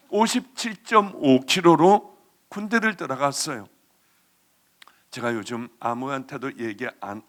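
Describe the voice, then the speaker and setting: A middle-aged male pastor preaching a sermon, telling stories with strong feeling and moving from hushed tones to loud ones. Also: medium pitch. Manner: emotional storytelling, swinging between hushed and loud. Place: church retreat hall.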